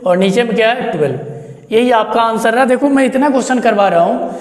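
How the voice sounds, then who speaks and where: A man's voice: extremely high pitch, brisk, darkish tone. A man teaching math who works through each step, asking questions and answering them himself in a chatty, encouraging way. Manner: explains step by step, asks and answers his own questions. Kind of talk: classroom lesson. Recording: echoey room with long reverb.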